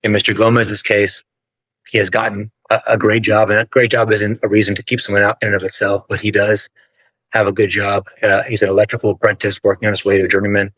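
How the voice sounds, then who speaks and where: A man arguing formally in court as a defense attorney, measured and deferential to the judge. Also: fairly low pitch, little pitch movement, fairly bright tone, no echo, low-quality recording.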